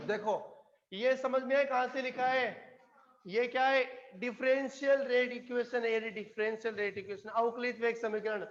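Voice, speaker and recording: In a classroom lecture, a man teaches chemistry to a live class, coaxing the students and frequently checking that they're following. His voice is very high-pitched, and the audio sounds dull.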